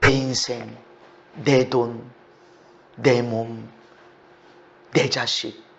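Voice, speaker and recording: A man's voice: medium pitch, level tone, very slow, vocal fry, fairly bright tone. A male pastor preaching a sermon emphatically, with many rhetorical questions, heard on a slightly dull, lo-fi recording.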